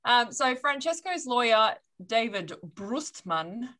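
Woman host, bright tone, rambling and casual. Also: a little high, very animated, slow. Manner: loose, hedging, many fillers. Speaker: podcast host reading the story. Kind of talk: casual chat.

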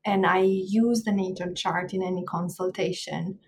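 A woman in her forties speaks as a podcast guest. She explains her work thoughtfully, often pausing and restarting to find the right words. Faint background noise runs beneath her voice. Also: fairly low pitch, fairly even intonation, darkish tone. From Romania. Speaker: guest, psychologist and astrologer. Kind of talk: interview answers.

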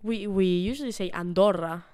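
A young woman from Spain with a Spanish accent, a podcast guest telling stories in animated casual chat. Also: a little high, moderate pace, crowd noise. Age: young adult. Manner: animated storytelling with laughter. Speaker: podcast guest, racing driver.

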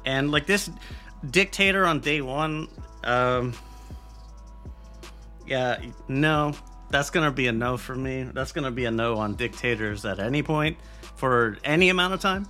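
A man's voice: mid-range voice, unhurried, pauses often, bright, forceful tone, soft background music. An American man hosting a podcast, giving casual, rambling news commentary in a blunt, profane way with lots of fillers. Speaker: podcast host.

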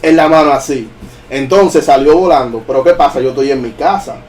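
A man in casual chat telling a paranormal experience in lively storytelling. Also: medium pitch, brisk. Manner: animated, acts out his own dialogue. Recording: distant mic with faint music.

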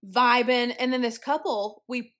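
A woman's voice: fairly high pitch, unhurried, fairly bright tone. A young woman with a Missouri accent, a podcast co-host telling a story in casual chat. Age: young adult. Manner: storytelling, acts out others' lines.

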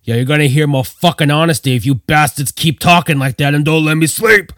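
A man voicing a gruff, drunk older male airman who gargles out crude, shouted lines. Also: mid-range voice, moderate pace, no echo, studio quality, lightly acted. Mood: crude, grumpy.

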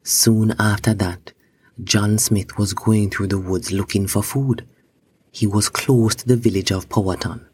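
A man narrating a children's story in a slow, even storybook reading. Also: fairly low pitch, a little hiss or hum.

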